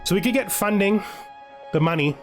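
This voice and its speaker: A high-pitched man with lively intonation and a moderate pace comments on a let's play for his gaming video series. He reasons aloud as he goes, throwing in playful mock-menacing lines, while music plays behind his voice.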